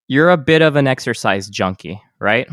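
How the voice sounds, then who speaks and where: A man's voice: mid-range voice, lively intonation, normal speed, fairly bright tone, dry recording, studio quality. A man hosting a podcast, chatting casually and asking playful questions in an easygoing way. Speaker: podcast host. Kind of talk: casual interview chat.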